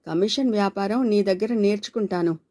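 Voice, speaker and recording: A woman's voice: mid-range voice, fairly quick, warm tone, close to an everyday voice. A woman reading a novel aloud and voicing a stern, blunt middle-aged man in a firm, scolding manner.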